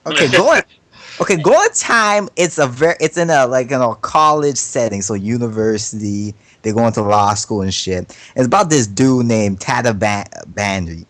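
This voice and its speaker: A man on an anime podcast rambles casually through his opinions, his speech slangy, profane, halting, and full of repetition. He has a medium-pitched, slightly bright voice with lively intonation, and there's no echo.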